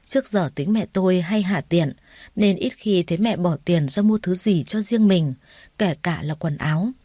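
Mellow-voiced woman narrating a story. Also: on the low side, normal speed, no echo, studio quality. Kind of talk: first-person story narration.

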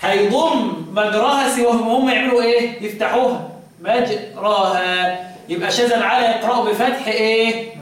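A man with an Egyptian accent teaching Quran recitation, quizzing students and drawing out recited words slowly. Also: high-pitched. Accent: Egyptian Arabic. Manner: drills by question, draws out recited words slowly. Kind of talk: classroom lesson with questions to students. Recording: echoey room, voice from far off mic.

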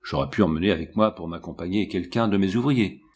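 A man reading an audiobook, voicing a small, proud old scientist who speaks calmly and gravely. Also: low-pitched, quick pace. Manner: grave, composed, explaining. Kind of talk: audiobook character voice.

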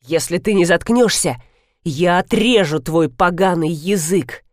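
A woman voicing a cruel, sneering husband who speaks in a low, slow, menacing way. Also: dry recording, clean studio sound, lightly acted.

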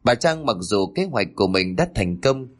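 A man's voice: fairly low pitch, very animated, normal speed. A man narrating a dramatic family story in scripted storytelling.

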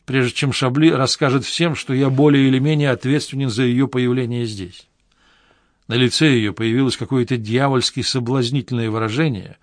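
Calm male audiobook narrator, dry sound. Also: mid-range voice, dry recording. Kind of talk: first-person audiobook narration.

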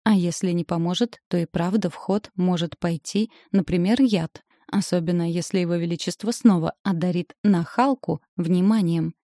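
Low, mellow woman reading an audiobook. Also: normal speed, few pauses, no room sound, studio quality. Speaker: audiobook narrator. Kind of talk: scripted narration of a fantasy novel.

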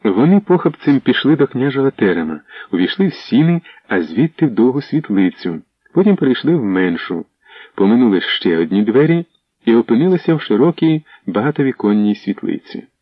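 A man reading a novel aloud as audiobook narrator, measured and expressive in his storytelling. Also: medium pitch, husky, dry recording, highs cut off. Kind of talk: scripted narration.

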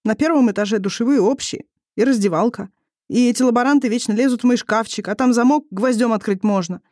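A reader voicing a young woman who talks through tears, with a trembling but loud, defiant voice. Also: medium pitch, fast talker, dry recording, studio quality, voice pushed up, natural voice. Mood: earnest. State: crying. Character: young tearful stubborn woman, student wife.

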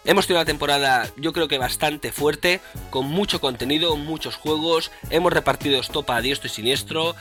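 A man with an accent from Spain and a hoarse, rough whiskey voice, hosting a casual video game podcast. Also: a little high, brisk, sharp tone, soft background music. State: hoarse after holiday partying and drinking. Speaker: podcast host.

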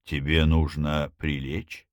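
A man reading the lines of a gentle young man in love in an audiobook, with a lowered, gentle voice. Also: flat delivery, slow pace, no room sound. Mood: tender.

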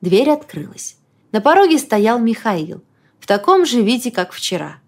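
A woman reading a first-person audiobook story with lively, expressive narration. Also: a little high, normal speed.

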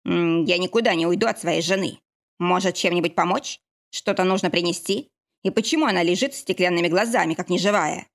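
A woman's voice: on the low side, fairly quick, vocal fry. A woman reading the lines of an anxious, protective young husband in an audiobook, asking insistent questions. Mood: worried.

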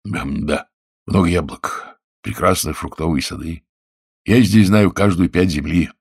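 Scheming stout husband read by a man, deep, husky, hushed and secretive, audiobook. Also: unhurried, full character voice. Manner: hushed, conspiratorial, often half-whispered.

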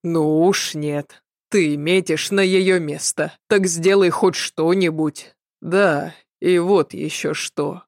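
A woman's voice: on the low side, fairly even intonation, slow, darkish tone, no room sound, studio quality. A woman reading a sly, wary young apprentice. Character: sly young male apprentice, guarded and feigning.

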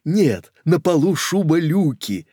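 A man doing a loud coquettish old lady. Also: on the high side, big pitch swings, takes it slowly, no echo, clean studio sound, pitched above the performer's own voice, heavily acted.

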